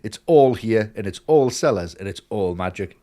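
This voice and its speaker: A man's voice: lowish voice, expressive, moderate pace, dark tone. Enthusiastic man gushing about films. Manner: enthusiastic, swears, acts out quoted lines. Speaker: podcast co-host. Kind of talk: casual film discussion.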